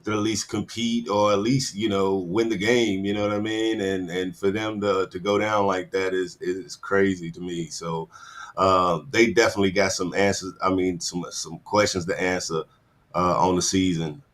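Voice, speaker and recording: A man's voice: low voice, flat delivery, normal speed, fairly bright tone. A man giving game stats on a sports talk show, speaking hesitantly with many ums and uhs.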